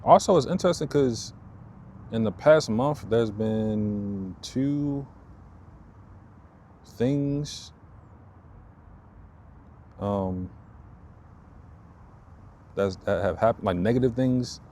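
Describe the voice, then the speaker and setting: A man's voice: fairly low pitch, drawn-out words, long pauses, a little hiss or hum. A man vlogging outdoors in a park, casually retelling a story with lots of repeats and restarts. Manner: rambling, repeats himself, animated retelling.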